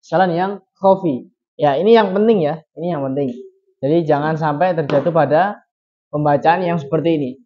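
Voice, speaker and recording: A man with a Javanese Indonesian accent teaching Quran recitation, slowly demonstrating each syllable by repeating it. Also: a little high, dull audio. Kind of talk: tajwid class instruction. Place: community study gathering in a room.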